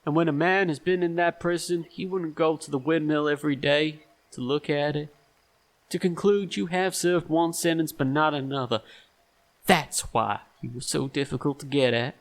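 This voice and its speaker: An actor plays a stern, shrewd, self-righteous man in an audio stage drama, speaking in a deliberate, emphatic and accusatory way. His voice is fairly high with a steady tone, and the acting is light, with an accusing mood.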